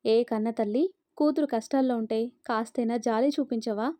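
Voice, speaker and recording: A woman's voice: fairly high pitch, normal speed, dark tone, no echo, close to an everyday voice. A woman voicing a hurt, resentful grown daughter pleading with her mother.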